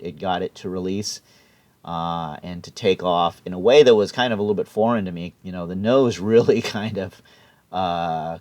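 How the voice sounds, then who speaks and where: Low-voiced man explaining haltingly, dry sound. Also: no room sound. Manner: halting, thinking aloud, many fillers. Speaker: vlogger, amateur wind sports rider. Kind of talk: explanatory vlog talk, unscripted.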